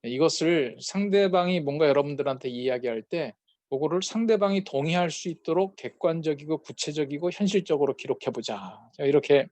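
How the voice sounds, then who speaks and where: A man's voice: on the high side, lively intonation, brisk, a little mellow, no echo. A man teaching a peacemaking class, talking casually with many fillers and acting out short quarrels as examples. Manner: conversational, many fillers, acts out quoted quarrels. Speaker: peacemaking course lecturer. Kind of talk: lecture with acted example dialogues.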